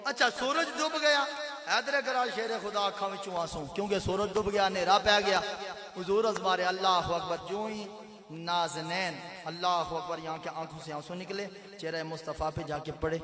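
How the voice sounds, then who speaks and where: A man with a Punjabi accent preaching a sermon, moving from soft storytelling to loud sung cries. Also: sits high. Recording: echoey hall with crowd behind.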